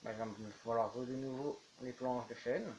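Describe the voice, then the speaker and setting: A man's voice: mid-range voice, fairly even intonation, moderate pace, a little mellow, a little hiss or hum, poor audio. Rambling man narrating his game build. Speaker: YouTuber. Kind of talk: casual gameplay commentary.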